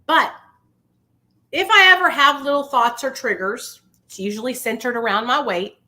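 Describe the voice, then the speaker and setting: A woman's voice: a little high, moderate pace, bright, forceful tone. A woman giving impassioned, informal motivational talk to viewers, emphatic and insistent, repeating phrases to drive them home. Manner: informal, familiar address. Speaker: livestream host speaking on addiction recovery.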